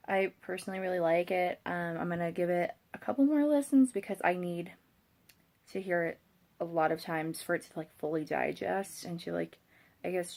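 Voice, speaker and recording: A woman's voice: on the low side, gravelly, a little mellow. A young woman chatting casually as a vlogger, tired and rambling with hesitations, her speech slightly thick from a swollen tongue. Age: young adult. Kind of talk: casual chat to camera.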